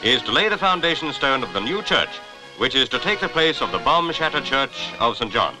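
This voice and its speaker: A newsreel narrator with a British Received Pronunciation accent reads scripted 1950s commentary in a jaunty, formal, clipped style. His mid-range voice is brisk and sing-song. It's a rough vintage newsreel soundtrack, with music playing behind him.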